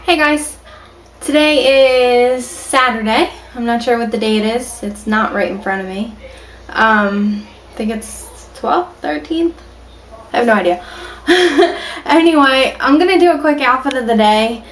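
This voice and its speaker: A woman's voice: fairly high pitch, a little slow, low-quality recording. A woman vlogging from home in a casual, rambling way, with lots of ums and restarts. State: has the hiccups. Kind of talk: casual vlog chat. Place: at home, indoors.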